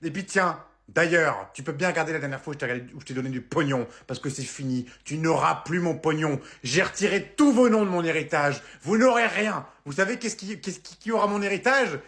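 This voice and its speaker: A man's voice: fairly high pitch, expressive, brisk, hardly any pauses, a bit bright. A man voicing a spiteful, foul-mouthed old grandmother who scolds and insults her family in a comedy sketch. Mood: gloating.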